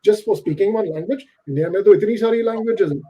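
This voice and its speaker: A man's voice: sits high, moderate pace, warm tone, slightly rough. A man hosting a casual discussion, emphatic and questioning, switching between Hindi and English. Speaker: host. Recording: dull lo-fi audio.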